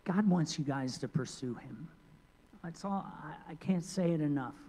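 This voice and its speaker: A middle-aged male pastor preaching a sermon into a handheld mic, moving between loud emphatic points and quiet asides. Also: on the high side, normal speed. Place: large church sanctuary. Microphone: handheld microphone. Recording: long church reverb.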